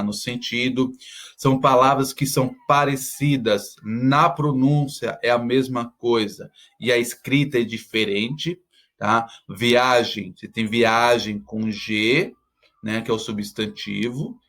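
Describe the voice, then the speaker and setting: A man's voice: medium pitch, fairly bright tone. A man teaching, talking students through school exercises step by step and checking in with "tá?" after nearly every phrase. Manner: checks in constantly with "tá?".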